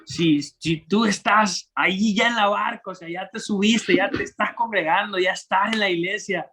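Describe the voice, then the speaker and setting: Earnest young man, high voice. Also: normal speed, sharp tone. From Honduras. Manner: earnest, repeats words as he restarts. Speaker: youth leader, guest. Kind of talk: testimony and advice in an interview.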